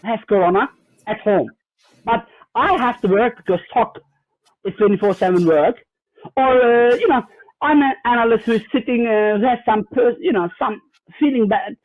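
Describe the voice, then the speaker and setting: A German man with a very high voice, a guest cybersecurity executive in a fireside chat, speaks at a moderate pace over a tinny, phone-like remote line that's dry with no room sound. He explains earnestly with examples, full of hesitant fillers and restarts.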